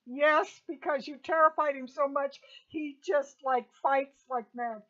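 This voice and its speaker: A woman narrating a tabletop game as game master, relaxed and laughing easily. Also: high-pitched, unhurried, lo-fi sound.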